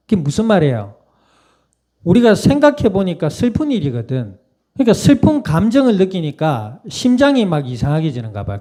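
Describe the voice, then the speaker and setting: A male pastor gives a Sunday sermon in a church. His voice is very dark and mellow and sits a little high. He talks to the congregation like a conversation and keeps asking them questions. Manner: conversational preaching with laughs and rhetorical questions. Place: church sanctuary.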